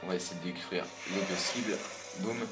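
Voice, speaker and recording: A man's voice: low-pitched, a little fast. A young man giving casual, rambling commentary over a video game, slightly irritated and swearing now and then. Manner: rambling, chatty, mild swearing. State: a bit irritated. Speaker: gameplay commentator. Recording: roomy voice with game music behind.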